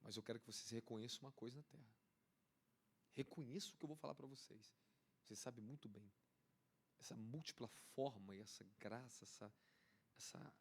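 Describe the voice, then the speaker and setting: A man with a fairly low voice and a Brazilian Portuguese accent preaches a charismatic sermon as an apostle. He is fervent and repetitive, climbing to excited peaks.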